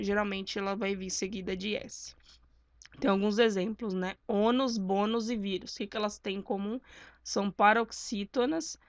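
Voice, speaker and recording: A woman teaches grammar in a patient, didactic way, often checking that her students follow. Her voice sits at a middle pitch and sounds close and dry, with no room echo. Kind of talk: explaining spelling rules at a board.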